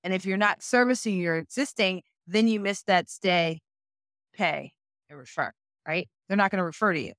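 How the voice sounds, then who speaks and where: A middle-aged woman teaching a live online business class in a chatty way, often checking in with her viewers and reacting to their comments out loud. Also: mid-range voice, normal speed, no echo, studio quality. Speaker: business coach.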